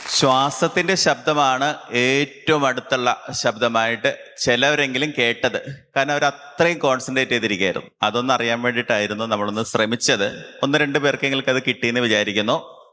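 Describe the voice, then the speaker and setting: Brief: male camp instructor, clear bright voice, slow guided instructions. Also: medium pitch, a faint crowd, a little hiss or hum. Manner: slow, calm instructions with long pauses. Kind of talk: guided concentration exercise.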